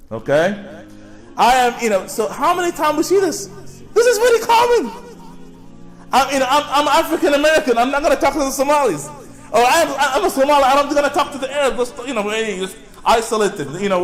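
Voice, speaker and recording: Man, high-pitched voice, public lecture, rhetorical questions, call-and-response with audience, repetitive phrasing, faint background music. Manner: asks rhetorical questions and answers them; repetitive, with frequent restarts.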